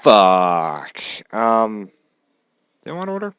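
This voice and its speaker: A man's voice: on the low side, big pitch swings, a little slow, a bit bright. A man giving rambling, casual commentary on his own strategy game, swearing often and laughing at himself.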